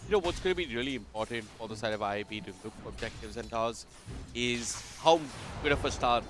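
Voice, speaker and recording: A man co-casting a live esports match, energetic and analytical. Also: mid-range voice, fast, background noise. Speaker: esports co-caster. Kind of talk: live game commentary.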